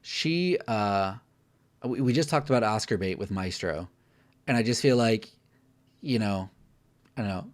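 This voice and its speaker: Low-voiced man chatting about a movie. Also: lively intonation, a little slow, pauses often. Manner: chatty, candid, many fillers and restarts. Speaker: film reviewer co-host. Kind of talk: casual film review chat.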